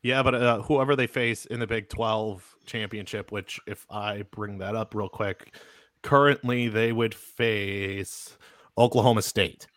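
A lower-voiced man chatting about college football, laid back and quick to poke fun at himself. His voice sounds close and dry, with no room behind it. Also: no echo. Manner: relaxed, self-deprecating, steers the topics. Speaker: podcast co-host. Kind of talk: casual sports chat.

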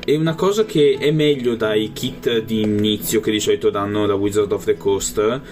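A man's voice: on the low side, moderate pace, darkish tone. A man answering interview questions casually as a role-playing gamer, hesitating as he searches for words. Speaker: interviewed tabletop role-playing player and game master.

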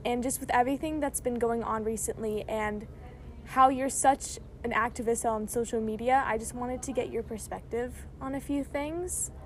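A young woman with a fairly high voice talks casually with a friend, chatty and relaxed. It is recorded on a phone outdoors in a backyard. A faint hiss sits behind her. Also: moderate pace. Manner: chatty, friendly, uses fillers like "like". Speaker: interviewer. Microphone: phone, no other equipment.

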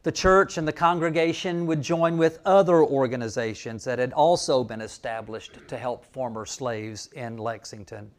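A man's voice: medium pitch, moderate pace, few pauses. A man pastor giving a conversational sermon, reading scripture and telling church history.

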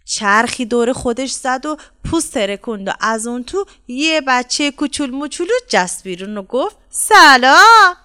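A woman narrating a folk tale as a storyteller, in a lively, expressive way. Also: a little high, few pauses, smooth.

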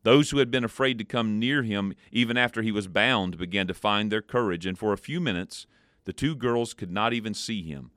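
A man hosting a devotional program, reading a story aloud in a measured, expressive way and then adding a short spiritual reflection. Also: fairly low pitch, no echo, clean studio sound. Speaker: devotional podcast host.

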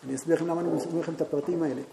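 A man teaching a Talmud class, telling a story to his students and turning to them with questions, now and then rising into loud, animated outbursts. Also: on the high side, noisy background.

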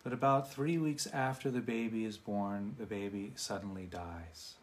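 Low-voiced man telling a teaching story. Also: moderate pace. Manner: conversational, relaxed asides. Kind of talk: storytelling in a dharma talk.

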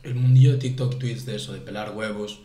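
A young man from Spain co-hosting a podcast, telling animated stories in casual slang. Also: lowish voice, brisk. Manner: animated storyteller, says "en plan" constantly. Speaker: podcast co-host. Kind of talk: casual chat. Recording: roomy echo.

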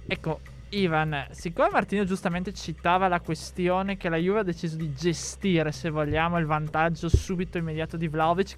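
A man with a high voice hosts an informal football talk. He is conversational, setting up points and putting questions to others, while faint music plays behind him. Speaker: host of a football talk show. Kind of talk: casual sports discussion.

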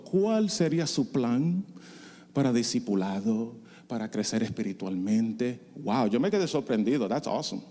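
A male pastor preaching a sermon, swinging from hushed asides to loud bursts and slipping into English phrases. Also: medium pitch, in a large hall. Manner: code-switches with bursts of English. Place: church sanctuary.

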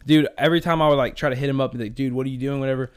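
A man's voice: mid-range voice, fairly even intonation, racing, clear, resonant tone. A young man hosting a casual faith chat, rambling and saying "dude" a lot. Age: young adult. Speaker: podcast host.

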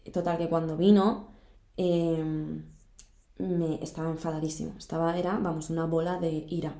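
Young woman w/ telling her story, low-ish mellow voice, roomy echo. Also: little pitch movement, normal speed. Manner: earnest, emphatic, repeats words for stress. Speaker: guest recounting backpacking travels. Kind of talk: casual storytelling chat.

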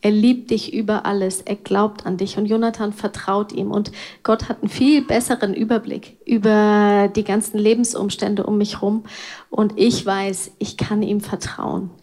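A woman giving a gentle, reflective part of a sermon. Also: medium pitch, little pitch movement, normal speed. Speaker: church speaker.

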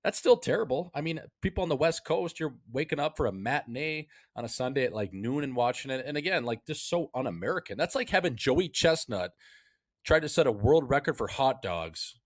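Casting: male sports podcast host, frat-bro energy, sweary and slangy, mid-pitched, close dry sound. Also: expressive, a little fast, no room sound. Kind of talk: casual sports podcast banter.

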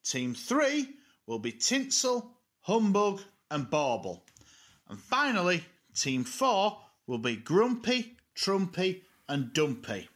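Casting: man as self-important elf squad leader, deliberate briefing manner, very slow, highly varied pitch, audio drama. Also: huge pitch swings, a bit bright, heavily acted. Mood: officious.

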